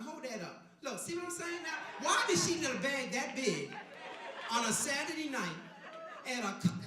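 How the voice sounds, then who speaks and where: Bright, teasing preacher-comedian in a roomy hall. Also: male voice, extremely high pitch, a little hiss or hum. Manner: loud, teasing crowd work with call-and-response. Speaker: pastor and comedian. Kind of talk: stand-up comedy set. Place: church sanctuary before a live audience.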